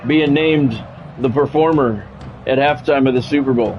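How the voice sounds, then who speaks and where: Streaming a football video game live, a medium-pitched man switches between casual, blunt talk and play-by-play, haltingly repeating words and phrases. The recording has its highs cut off and a bit of background noise.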